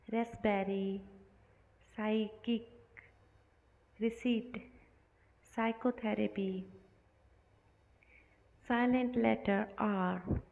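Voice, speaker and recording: A woman teaching English silent letters, reading words one at a time with long pauses between them. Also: medium pitch. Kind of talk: slow word-list lesson. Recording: phone-like echoey recording.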